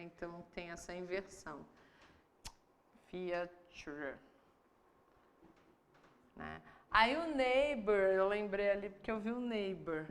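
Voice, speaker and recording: A woman's voice: medium pitch, a bit bright. Woman, Brazilian accent, exam-prep English teacher, explains examples patiently. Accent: Brazilian Portuguese. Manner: explains step by step, reads English examples aloud then translates. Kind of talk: online exam-prep lesson.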